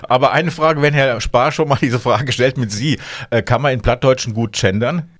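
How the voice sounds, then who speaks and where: A man's voice: medium pitch, unhurried. A man co-hosting a podcast speaks with a voice in the middle of the male range. He steers the conversation in a friendly way, leads into new topics and teases his co-host now and then. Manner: friendly, teasing, steers the talk. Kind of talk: casual podcast chat.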